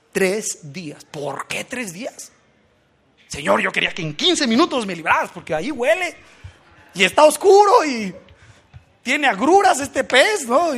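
High-voiced animated male preacher. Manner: animated, acts out voices, rhetorical questions. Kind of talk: sermon.

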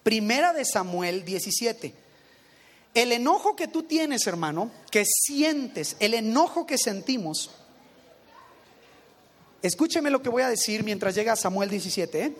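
With a medium-pitched, animated voice and measured pacing, a pastor addresses his congregation in a sermon. He keeps it conversational, questioning the audience and rereading lines to drive them home.

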